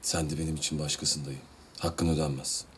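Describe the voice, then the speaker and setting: A man's voice: a bass voice, flat delivery, fairly quick, slight background noise. An actor playing a respectful young man who reassures an ailing older man. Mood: reassuring. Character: young man, devoted nephew figure, warm and respectful. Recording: TV drama with loud score underneath.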